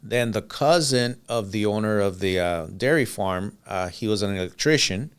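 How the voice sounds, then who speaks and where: A middle-aged man from Cuba, Spanish his first language, speaks in a low, smooth and resonant voice. He tells his story as a podcast guest, easygoing and meandering, filling pauses with "uh" and "um". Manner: relaxed, rambling, frequent "uh" and "um". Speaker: podcast guest, business owner. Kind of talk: casual interview storytelling.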